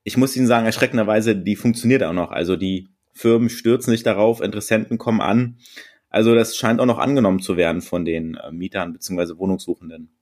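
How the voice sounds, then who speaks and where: A man playing a smug, drily polite character in an improvised comic phone role-play, wordy and bureaucratic with a deadpan manner. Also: lowish voice, fast talker, close to an everyday voice. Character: smug, drily polite male landlord's agent and customer.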